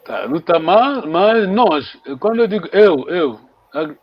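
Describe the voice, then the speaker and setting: A man teaching an online language lesson, patiently repeating words slowly for his students. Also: high voice, very animated, dull audio.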